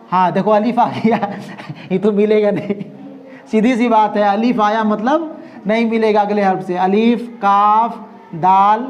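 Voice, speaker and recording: A man's voice: high voice, muffled recording. A man teaching a language class, repeating each word and often checking that the students follow. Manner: repeats words and keeps checking understanding. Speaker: Urdu teacher.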